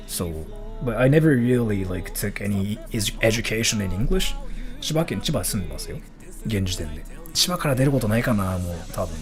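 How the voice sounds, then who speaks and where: A deep-voiced Japanese man is livestreaming, chatting loosely and taking viewer questions while switching between English and Japanese.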